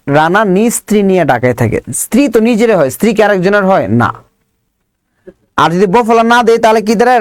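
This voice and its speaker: High-voiced man drilling a grammar class. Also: no room sound, clean studio sound. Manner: drilling students with repeated questions. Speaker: Bangla grammar teacher. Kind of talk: online class lesson.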